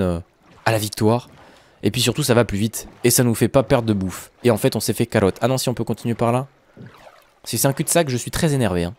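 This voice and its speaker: Lively young French gaming host. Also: male voice, slight background noise. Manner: animated, chatty, addresses viewers as friends; jumps into high exclamations and drawn-out words. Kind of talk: casual Minecraft let's play commentary.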